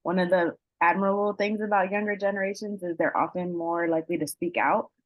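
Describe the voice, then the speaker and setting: A woman council member works through an idea aloud in a meeting, thoughtful and a little hesitant. Her voice is lowish. The sound is dry and close. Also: steady tone, fairly quick, no echo, lo-fi sound. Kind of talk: meeting discussion.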